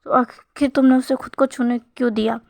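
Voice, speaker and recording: A cold, possessive young man fires off curt, demanding questions, as a woman voices him in a fan story retelling. The voice stays fairly high and clipped. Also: steady tone, normal speed, creaky.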